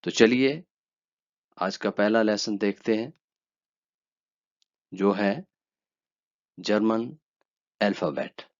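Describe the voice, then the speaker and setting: A man with an Urdu accent teaching a language lesson, calmly saying each letter twice. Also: lowish voice, slow pace, pauses often. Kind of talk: slow spoken lesson. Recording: dull lo-fi sound.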